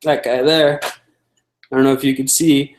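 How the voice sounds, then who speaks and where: A man's voice: mid-range voice, little pitch movement, a little slow, roomy sound, low-quality recording. A man guesting on an interview, chatting casually about his prop making, rambling with lots of fillers and restarts.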